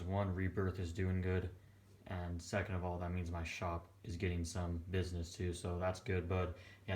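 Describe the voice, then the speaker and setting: A young man giving casual vlog narration in a quiet but clear, subdued voice, hesitant and a little tired. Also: low-pitched. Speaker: comic collector presenting his purchases. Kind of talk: casual vlog narration over close-up shots of items. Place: small indoor room at home.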